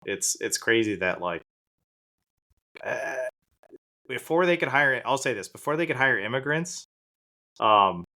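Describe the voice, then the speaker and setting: A man's voice: mid-range voice, animated, unhurried, pauses often, sharp tone. A man co-hosting a casual podcast chat, telling stories and joking with the others. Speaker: podcast co-host.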